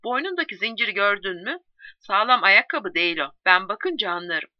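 A woman's voice: mid-range voice, animated, moderate pace, dry recording, highs cut off, close to an everyday voice. A woman doing a furious, bitter soldier. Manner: furious, trembling with rage. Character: bitter angry male soldier, resentful.

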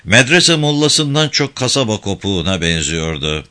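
A man narrating a novel in a steady, measured audiobook reading. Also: on the low side, clean tone.

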